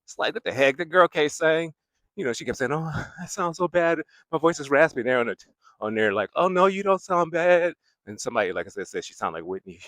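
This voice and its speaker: This young vlogger's voice is on the low side and fairly bright as he walks a city boulevard holding a handheld mic. His commentary is casual and rambling, full of laughter and returns to his main point, with no room sound.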